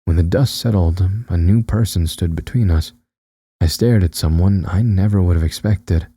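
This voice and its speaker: A man narrating a horror story in a slow, steady, measured reading. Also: sits low, husky, no room sound. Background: soft music.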